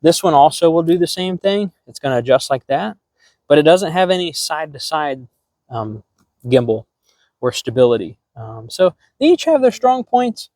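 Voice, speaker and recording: A middle-aged man hosting a drone channel chats casually to camera about products at normal speed, in a fairly high voice and a dry recording. He is relaxed and meandering, with lots of ums and restarts.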